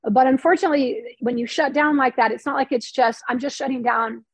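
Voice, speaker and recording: Husky woman telling a personal story. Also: high-pitched, fairly even intonation, brisk, dry recording. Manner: chatty, heavy use of "like" and "you know", acts out quotes; earnest and candid. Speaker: interview guest, former TV news reporter turned novelist. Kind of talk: emotional personal storytelling in conversation.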